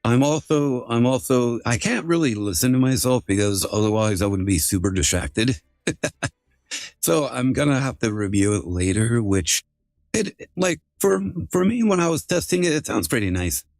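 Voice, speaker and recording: A man's voice: medium pitch, expressive, normal speed, a little mellow, no echo, studio quality, soft background music. Man talking through a voice changer. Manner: rambling, filler-heavy, restarting sentences. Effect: voice changer altering his voice. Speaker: streamer. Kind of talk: casual live-stream chat.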